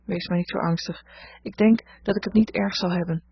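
A woman voicing a gentle, shy young girl who speaks softly and calmly, in a dull lo-fi recording. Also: medium pitch, brisk, creaky, breathy edge, no room sound. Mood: reassuring. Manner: soft, calm, reassuring.

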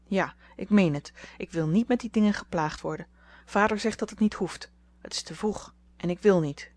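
A woman's voice: mid-range voice, moderate pace, a little mellow, lightly acted. A woman reading the part of a flustered, timid young girl who stammers shyly. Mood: defiant. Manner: stammering, shy.

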